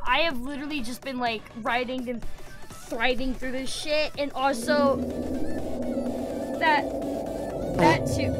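With faint game music in the background, a sick young streamer whose voice is going keeps up casual gameplay chatter. She sounds high-pitched, bright, and forceful, cursing and letting out shrieks when she's startled.

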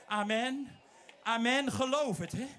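A man's voice: extremely high pitch, a little slow, bright, forceful tone. A man preaching a fervent sermon as an evangelist, telling Bible stories dramatically and dropping in English phrases.

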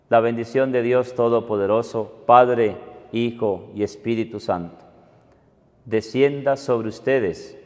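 Slow priest in cathedral echo. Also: male voice, medium pitch. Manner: soft, measured, prayerful delivery. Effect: cathedral echo, long church reverb. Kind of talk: leading mass prayers. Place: large church. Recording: long church hall reverb.

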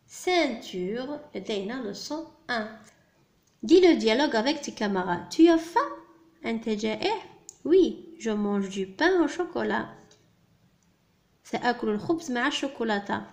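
A woman teaching a primary school French lesson, reading words slowly and clearly, spelling out sounds and quickly translating each line. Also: on the high side, expressive.

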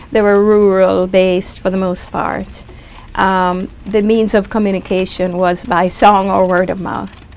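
A woman's voice: medium pitch, a little mellow, a little hiss or hum. A woman in a documentary interview explaining history in a thoughtful, conversational way. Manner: thoughtful, explanatory, with fillers and restarts.

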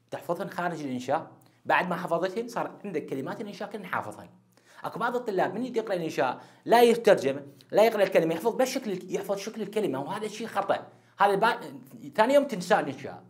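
Rapid-fire Iraqi male teacher. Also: high-pitched. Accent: Iraqi Arabic. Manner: talks straight to students, repeats key steps. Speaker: English teacher. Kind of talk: exam-prep lecture.

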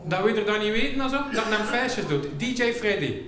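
A man's voice: sits high, lively intonation, fairly quick. Flemish man joking with a care home crowd. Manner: chatty, teasing, keeps asking the audience questions. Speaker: comedian hosting a show for care home residents. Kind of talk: live comedy and game show banter with the audience. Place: care home hall with residents. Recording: echoey hall with audience murmur.

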